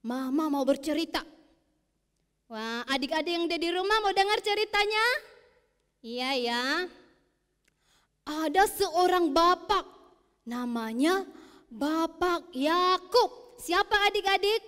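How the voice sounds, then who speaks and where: A woman Sunday school teacher telling a story to children, talking to them directly in an animated way. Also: very high-pitched, slow, pauses often, long reverb tail.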